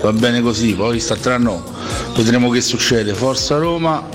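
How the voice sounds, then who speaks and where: A man's voice: mid-range voice, normal speed, music in the background. A man from Lazio in Italy giving casual football talk as a radio listener. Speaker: radio listener leaving a voice message.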